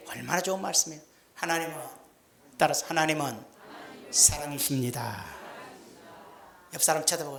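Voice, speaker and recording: A man's voice: a little high, fairly bright tone. A middle-aged male pastor preaching a sermon in a folksy, joking way, acting out little everyday scenes. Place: church sanctuary. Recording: echoey church sound.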